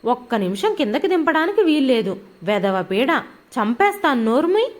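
An impatient young woman, as a storyteller puts her on snaps in a harsh, raised voice. Her pitch jumps high and swings widely. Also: big pitch swings, moderate pace. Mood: irritated. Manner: snappish, harsh. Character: irritable young sister-in-law, impatient with the baby.

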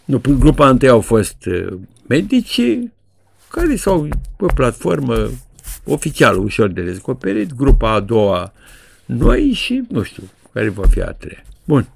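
A man's voice: wildly swooping pitch, vocal fry, a little mellow, breathy edge. A man in his seventies, a journalist, giving a casual, sarcastic commentary monologue in a colloquial way. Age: 70s. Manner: colloquial, sarcastic, swings widely in pitch. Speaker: journalist and video blogger.

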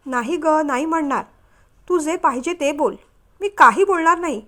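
A woman's voice: high-pitched, moderate pace, sharp tone. A woman voicing a remorseful divorced husband who talks in an eager, pleading way in a storybook reading.

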